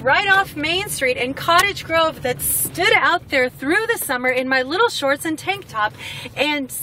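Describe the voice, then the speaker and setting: A woman's voice: sits high, lively intonation, a little slow, sharp tone. Earnest woman in her forties vlogging from a car. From Oregon, United States. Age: 40s. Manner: earnest, heartfelt, repeats phrases for emphasis. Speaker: weight-loss vlogger. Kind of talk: emotional personal vlog. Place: parked car. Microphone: camera on the dashboard. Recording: slightly distant car mic with outside noise.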